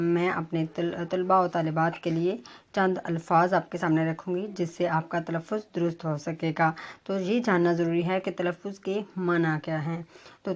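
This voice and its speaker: Woman teaching pronunciation, slow and formal. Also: fairly low pitch, lo-fi sound. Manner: spells out vowel marks slowly, word by word; careful, formal delivery with frequent hesitations. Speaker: Urdu teacher. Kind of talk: pronunciation lesson to students.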